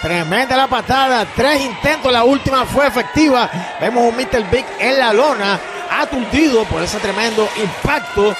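A man with a Puerto Rican accent giving partisan wrestling commentary, emphatic, with drawn-out, repeated exclamations. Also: extremely high pitch, animated. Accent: Puerto Rican Spanish. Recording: noisy arena with crowd behind. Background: crowd noise.

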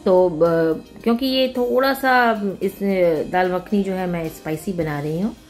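With background music underneath, an Indian-accented cooking host explains a recipe one step at a time in an informal style, mixing in English words and phrases. Her voice is fairly low and her pace unhurried.

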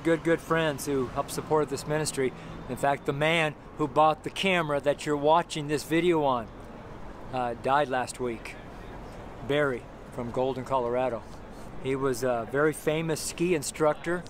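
A middle-aged man with a slightly high voice delivers an informal sermon to a close, handheld camera on a city sidewalk beside a brick wall. He rambles and repeats himself, with many restarts and fillers. The outdoor recording is noisy with street traffic.

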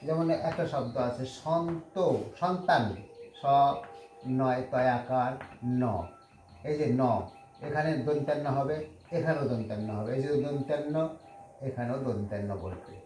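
Male teacher, patient and repetitive, low warm tone, echoey room with faint hiss. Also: a little slow, pauses often. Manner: patient, repeats words and spells them out letter by letter. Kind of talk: classroom lesson on Bangla spelling.

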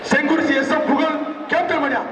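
A man calling a bull-taming event through a public-address loudspeaker, excited and shouting repeated short cries. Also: extremely high pitch, brisk, noisy background. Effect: heard through a public-address loudspeaker. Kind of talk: live commentary over loudspeaker. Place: open-air arena with a large crowd. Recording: echoing loudspeaker from far off over crowd.

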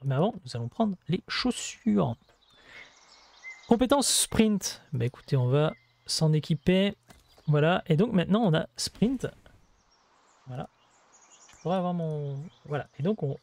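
A man's voice: fairly high pitch, creaky, darkish tone. A man hosting a gameplay video, casually explaining the game in a chatty way with many hesitations and asides.

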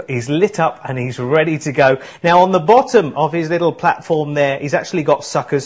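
British man, thirties, slightly high voice, enthusiastic TV shopping pitch, chatty. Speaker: shopping channel presenter. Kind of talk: upbeat sales demonstration. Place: small indoor studio set.

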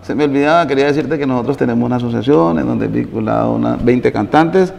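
A man, a guest chatting in an interview, halting and often repeating words as he restarts. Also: mid-range voice, creaky, a little mellow. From Colombia. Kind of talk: casual interview chat. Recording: reverberant, dull lo-fi sound.

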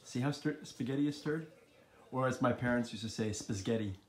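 A man giving joking, casual commentary while he livestreams his home on a phone, teasing the people around him and talking softly to his cats. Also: medium pitch, a little fast, echoey room, slight background noise. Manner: joking, teasing, with frequent laughs; soft, cooing talk to pets. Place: home kitchen, then garage.

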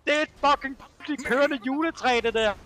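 Exasperated high-voiced man as a cop. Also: bright, forceful tone, a little hiss or hum. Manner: exasperated, swearing, lecturing. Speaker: police officer player. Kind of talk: in-character police role-play.

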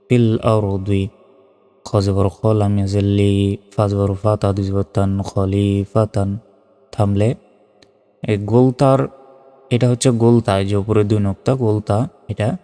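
A man teaching Quran reading, spelling out letters and vowel marks one by one and then chanting each word slowly. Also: fairly low pitch, warm tone, in a large hall. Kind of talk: step-by-step recitation lesson.

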